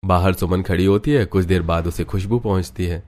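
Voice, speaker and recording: A man narrating a cartoon story in an even, scripted storytelling manner. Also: low-pitched, fairly quick.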